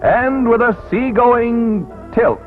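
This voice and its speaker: A man narrating a 1940s wartime newsreel in a brisk announcer delivery with punchy quips, heard as old newsreel sound. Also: very high-pitched. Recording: tinny 1940s newsreel soundtrack with loud music.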